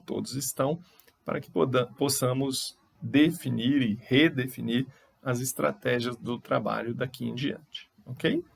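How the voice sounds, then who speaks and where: A man's voice: mid-range voice, creaky, slightly rough. A Brazilian man teaching a recorded online lesson, explaining step by step and correcting himself as he goes. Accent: Brazilian Portuguese.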